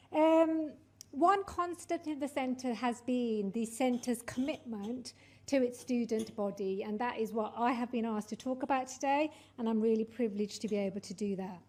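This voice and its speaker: A woman who is a director of studies gives an informal conference talk to an audience, checking that they can hear her. Her delivery is hesitant and full of ums, and her voice is on the high side and mellow.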